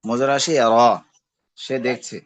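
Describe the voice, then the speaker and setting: A man teaching an Arabic grammar class at an ordinary pitch. He steps patiently through each verb form and keeps checking in with his students. The sound is dry and close, with no room echo. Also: fairly even intonation, a little slow. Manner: patient, repeats verb forms with their meanings; checks in with "ঠিক আছে". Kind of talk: recorded class lesson.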